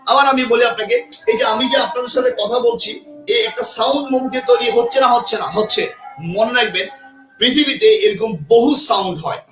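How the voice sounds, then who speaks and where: A man teaching a live online grammar class, energetic, repeating points and quizzing his viewers. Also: very high voice, a little fast, echoey room, faint music behind, poor audio. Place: indoor room with a ceiling fan.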